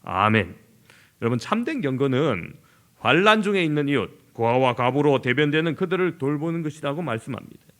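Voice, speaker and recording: A middle-aged man from southern Korea, a senior pastor preaching a sermon in an animated way and acting out everyday conversations. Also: on the high side, fast. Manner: animated, acts out everyday dialogue in lively voices.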